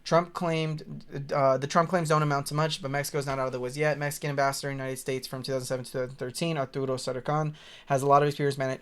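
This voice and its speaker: A male streamer casually reads the news aloud and comments on it, rambling, tripping over words, and sounding blunt and exasperated, with swearing. His voice is medium-pitched and clean in tone.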